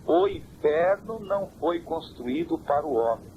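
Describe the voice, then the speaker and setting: A church elder on a hissy, worn old cassette tape, answering questions about doctrine with measured, scripture-quoting speech. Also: male voice, a little high, lively intonation, highs cut off. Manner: measured, quotes scripture in a preaching cadence. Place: family home.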